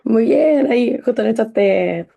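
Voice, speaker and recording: Chilean teacher lady explaining french words, warm mellow tone, keeps giving examples. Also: fairly high pitch, lively intonation, moderate pace, vocal fry. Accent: Chilean Spanish. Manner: encouraging, explains with lots of examples. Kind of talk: online French lesson.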